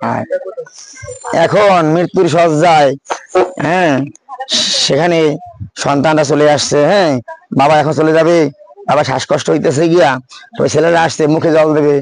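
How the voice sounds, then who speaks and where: A man's voice: fairly high pitch, steady tone, moderate pace, creaky, pauses often, dry recording, soft background music. A man with a Khulna Bengali accent preaching to schoolchildren, asking them question after question and saying "yes" again and again. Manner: asks the audience questions constantly, repeats "yes". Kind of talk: sermon to schoolchildren.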